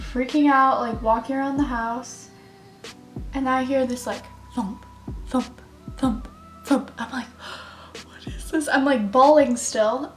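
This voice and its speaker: A young woman telling a story while doing her makeup, rambling and giggly with lots of fillers. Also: high-pitched. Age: young adult. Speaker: beauty vlogger. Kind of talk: chatty get-ready-with-me storytelling. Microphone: camera mic. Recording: echoey room with faint music.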